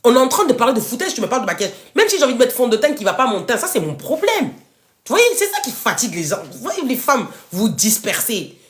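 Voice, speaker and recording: A woman life coach with a big, commanding voice, talking live to her followers and urging them on loudly and emphatically. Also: on the high side, sing-song, fast talker. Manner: loud, emphatic, scolding and exhorting viewers. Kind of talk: live stream talk to followers.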